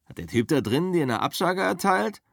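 A man reading an audiobook, voicing a calm, easygoing male driver and stunt double who talks matter-of-factly. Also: on the high side, normal speed, gravelly, no echo, studio quality, pitched above the performer's own voice, full character voice. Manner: easygoing, soothing, matter-of-fact. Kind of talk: audiobook character voice.

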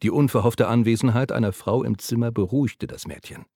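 A man reading a novel aloud in a calm, measured narration. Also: mid-range voice, dry recording, clean studio sound. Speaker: audiobook narrator. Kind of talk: scripted narration.

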